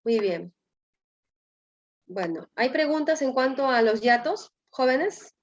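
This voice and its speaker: A woman's voice: high voice, expressive, slow. A woman with a Peruvian accent teaching a language class over a video call, explaining step by step and often checking with "¿no?". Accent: Peruvian Spanish. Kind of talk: online class lecture. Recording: slightly dull lo-fi audio.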